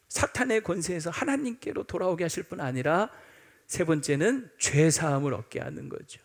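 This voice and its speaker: A male pastor delivers a Sunday sermon with earnest directness. His voice sits high and swings widely as he speaks to the congregation. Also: darkish tone. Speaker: senior pastor.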